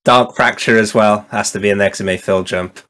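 A man's voice: on the low side, steady tone, fairly quick, fairly bright tone. A man co-hosting a gaming podcast in casual chat, rambling with many fillers and laughing often. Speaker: podcast co-host.

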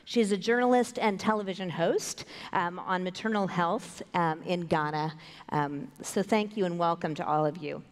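A woman in her thirties moderating a conference panel, introducing the guests in a measured way with many fillers. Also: fairly low pitch. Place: large conference stage with long reverb. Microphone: headset mic. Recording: reverberant large hall.

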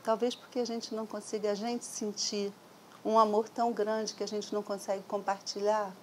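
A middle-aged Brazilian woman speaks to an audience in a hall through a stand microphone, giving a conversational, reflective lecture peppered with "né?" tags. Her mid-range voice is flat in delivery and moderate in pace, with slight background noise.

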